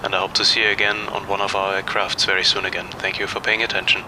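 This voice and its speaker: Man playing an airline captain, pilot over the PA, brisk delivery, courteous formal script, lowish voice, rumbling cabin noise. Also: little pitch movement, lightly acted. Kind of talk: scripted flight deck announcement in a simulator. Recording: noisy aircraft cabin rumble.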